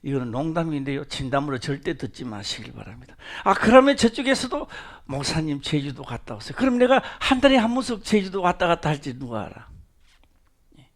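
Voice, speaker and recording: A middle-aged pastor with a Gyeongsang Korean accent preaches briskly, moving between loud exclamations and low, hushed asides with big swings in pitch.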